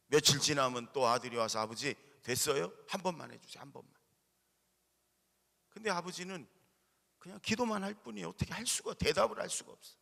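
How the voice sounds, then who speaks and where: A middle-aged male pastor telling a story in a revival sermon, with animated, emphatic rises. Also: on the high side, gravelly. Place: church sanctuary. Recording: reverberant church sanctuary.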